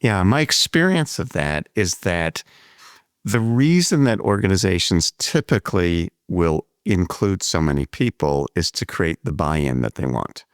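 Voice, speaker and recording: A man hosting a podcast conversation, speaking in a measured, reflective way and explaining his ideas at length. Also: sits low, big pitch swings, no room sound, clean studio sound. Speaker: podcast host. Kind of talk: conversational interview.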